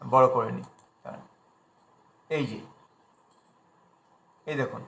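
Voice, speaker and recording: A man's voice: medium pitch, fairly even intonation, very slow, vocal fry, a bit bright, echoey room, a little hiss or hum. A man teaching an online pronunciation class, patiently spelling out letters one by one as he shares his screen.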